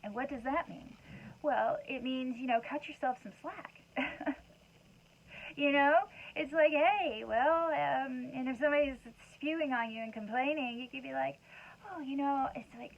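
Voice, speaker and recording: A woman's voice: high-pitched, unhurried. A woman and mother speaking in a casual, rambling motivational talk full of conversational asides. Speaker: wellness talk host. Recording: dull lo-fi sound with faint background noise.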